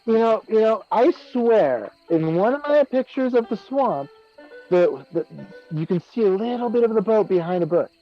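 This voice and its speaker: A man's voice: high-pitched, animated, moderate pace, soft background music. A man chatting as a player in a tabletop game, hesitant and repeating himself with lots of fillers. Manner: hesitant, repeats words, full of "like" and "you know". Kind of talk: casual tabletop game chat. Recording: dull lo-fi audio.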